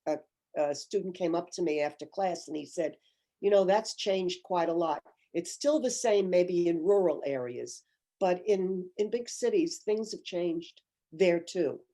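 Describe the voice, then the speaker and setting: A woman's voice: fairly low pitch, dark tone. An older woman, an author, talking thoughtfully in an interview over a video call, telling stories with emphasis. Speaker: author guest. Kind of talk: conversational interview.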